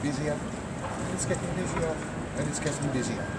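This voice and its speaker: A man's voice: on the high side, brisk. A man with a Liverpool accent chatting casually and slangily to livestream viewers, often repeating his phrases. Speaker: livestream host and street campaigner. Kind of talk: casual live chat to viewers. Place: outdoors on a London street. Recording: distant mic, loud street and traffic noise.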